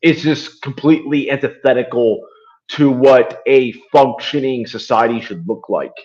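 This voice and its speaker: A man from Venezuela, appearing as a podcast guest, chats about politics in a loose, meandering way, often restarting and using fillers. His voice is medium-pitched and slightly mellow at a moderate pace, and the audio is muffled.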